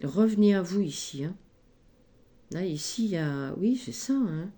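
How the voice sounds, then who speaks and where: Slow, mellow-voiced woman reading cards. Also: lowish voice, animated. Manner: slow, gentle, encouraging, frequent "hein" and "ici". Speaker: tarot card reader. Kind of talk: spoken card reading guidance.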